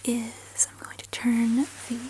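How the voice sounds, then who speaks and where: A woman in a whispered role-play of a spa pampering session, speaking softly and soothingly, with gentle personal attention to the listener. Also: fairly high pitch, completely flat delivery, slow. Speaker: ASMR host.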